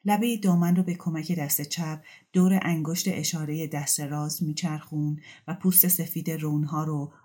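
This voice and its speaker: Calm low-voiced woman reading a story. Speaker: story reader. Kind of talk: storybook narration.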